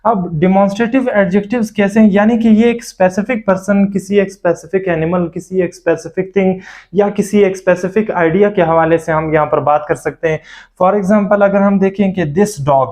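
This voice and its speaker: A man teaching a grammar lecture, methodically going through examples one by one, with frequent filler pauses as he explains. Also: sits high, a little mellow.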